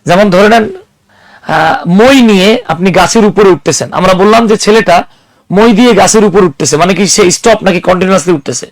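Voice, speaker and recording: A man's voice: sits high, quick pace, rough recording. A man teaching an English grammar class, explaining with everyday examples and putting questions to his students. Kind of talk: classroom lecture.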